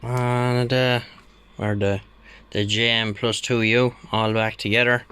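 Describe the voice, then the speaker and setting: As he works on a repair, a radio-restoring hobbyist keeps up an easygoing, hesitant commentary, sometimes just muttering to himself without hurrying. He speaks in a mid-range voice that is pushed and bright with a clean tone, and his pitch stays fairly level.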